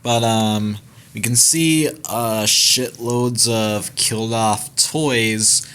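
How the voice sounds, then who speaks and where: A man's voice: on the low side, fairly even intonation, extremely slow, a bit bright, clear, resonant tone. A young man hosting a gaming channel, giving a casual, rambling trailer breakdown with many fillers, restarts and casual swearing.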